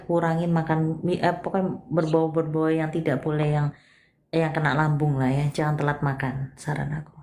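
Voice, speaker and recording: A woman reading a listener's palm in a live session, speaking softly and coaxingly, calling her darling, dropping English words into her talk and often sinking to a breathy near-whisper. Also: low-pitched, a little hiss or hum. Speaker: palm and spiritual reader.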